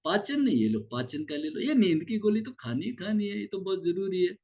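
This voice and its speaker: A man's voice: sits high, sing-song, brisk, darkish tone. A male yoga teacher giving an explanatory lecture, asking himself questions and answering them, repeating key words for emphasis. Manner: asks and answers his own rhetorical questions.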